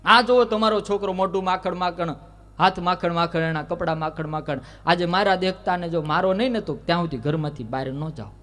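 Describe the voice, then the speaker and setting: A man preaching a devotional story, voicing an angry village aunt who is a shrill complainer. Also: a little slow, fairly bright tone, slightly rough, big-room sound. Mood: complaining. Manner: shrill, scolding, indignant.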